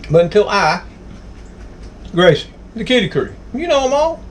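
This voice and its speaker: A man's voice: high voice, big pitch swings, normal speed, a little hiss or hum, rough recording. A man with a Southern US accent hosting a casual home cooking vlog, folksy and exclamatory as he savors his food. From Southern United States. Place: home kitchen.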